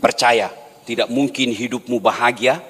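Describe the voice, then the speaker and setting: A man giving a humorous mosque sermon as a preacher, animated and jokey, acting out little dialogues for the congregation. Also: medium pitch, moderate pace. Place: large mosque. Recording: long hall reverb in a large mosque.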